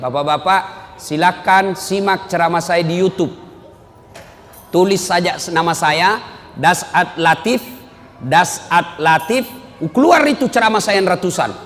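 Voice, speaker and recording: A male preacher giving a lively, joking sermon and calling out to his audience. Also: fairly high pitch, measured pace, big-room sound, a little hiss or hum. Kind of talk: humorous sermon. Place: gathering at an Islamic boarding school.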